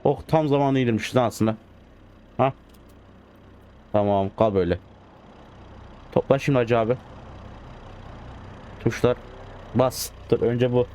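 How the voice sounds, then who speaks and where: A man giving casual, excitable commentary as he plays a driving game, scolding the computer drivers. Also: medium pitch, unhurried, long pauses. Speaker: gaming channel host. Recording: loud game car noise behind.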